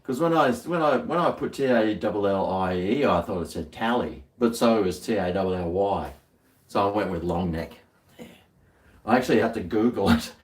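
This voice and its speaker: An Australian livestream host with a fairly low voice, speaking at a normal speed, chats casually to viewers over a beer. He rambles in a laid-back, slangy, working-bloke style, and the distant microphone gives a roomy echo.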